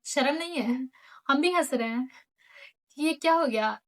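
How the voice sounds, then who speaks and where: Teen girl, high voice, casual storytime vlog, animated, acts out quotes, English phrases mixed in. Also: measured pace. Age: late teens. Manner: animated, acts out teachers and friends in quoted lines; mixes English phrases into her talk. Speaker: vlogger telling a school story.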